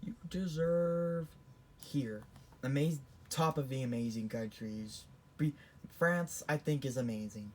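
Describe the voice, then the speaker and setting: A man's voice: medium pitch, a little slow. Rambling teen boy. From Canada. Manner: rambling, with frequent restarts and self-corrections. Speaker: vlogger. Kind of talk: casual tier-list commentary.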